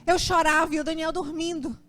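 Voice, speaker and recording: A woman's voice: very high-pitched, level tone, fairly quick, a bit bright, slight background noise. A woman pastor with a Brazilian Portuguese accent preaching a sermon, telling a personal story and acting out her own anxious prayers. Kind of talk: sermon testimony.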